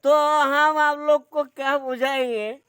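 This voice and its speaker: A woman's voice: sits high, steady tone, slow, fairly bright tone, no room sound, clean studio sound. A woman performing a rambling comic monologue. She drifts into half-sung lines and repeats dramatic pleas.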